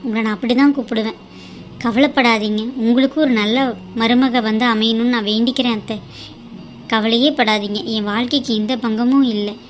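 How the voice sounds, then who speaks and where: A woman voicing a humble, dutiful young bride in a cartoon drama, speaking in a soft, reassuring way. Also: fairly high pitch, slight background noise, lightly acted. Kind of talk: cartoon voice acting.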